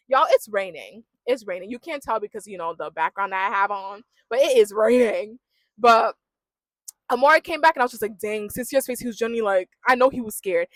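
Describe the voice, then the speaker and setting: A young woman rants in a chatty, slangy way, her voice a little higher than most. The sound is close and dry, with no room around it. She hosts her own recap vlog. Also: fairly bright tone, no room sound. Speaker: reality TV recap vlogger. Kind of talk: casual rant.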